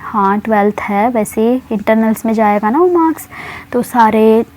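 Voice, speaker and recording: A woman tells a story in a loose, chatty way, drifting off into asides and slipping in English words. Her voice is fairly high but warm and mellow. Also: moderate pace. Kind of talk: casual story narration.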